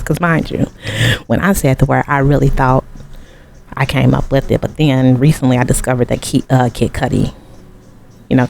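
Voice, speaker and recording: A man's voice: mid-range voice, gravelly, darkish tone. A man giving a tarot reading in a casual, rambling way, often turning to the viewer with asides. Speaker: tarot reader. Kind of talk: casual chat.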